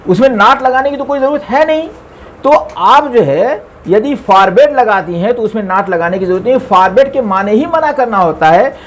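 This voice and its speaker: A man teaching English grammar, explaining slowly and reading the English examples out word by word. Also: high-pitched, expressive. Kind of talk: explaining a grammar lesson on screen.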